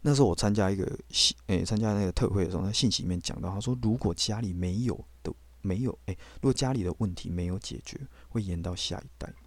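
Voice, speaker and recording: Fast-talking deep-voiced man, blunt. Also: no echo. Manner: blunt, candid storytelling with casual swearing. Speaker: podcast host. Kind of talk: personal faith testimony.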